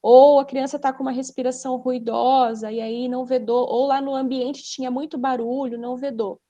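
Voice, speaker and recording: A woman with a Brazilian Portuguese accent speaks in a high, level, warm voice at a moderate pace, and the recording's highs are cut off. She's a speech therapist appearing as a podcast guest, explaining things conversationally and didactically by posing questions and then answering them herself.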